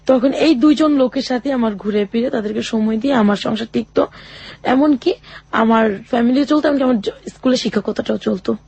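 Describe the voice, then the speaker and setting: A woman with a somewhat high, gravelly voice tells an interviewer about her hard life, faltering but sincere. Her sound is a touch mellow with a breathy edge, and she often relays what others said to her.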